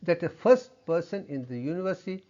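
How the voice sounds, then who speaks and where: A man's voice: a little high, lively intonation, fairly quick, warm tone, highs cut off. An older man from India giving an emphatic, self-assured monologue about his life, stacking lists of points. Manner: emphatic, self-assured, repeats list items. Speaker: speaker recounting his life.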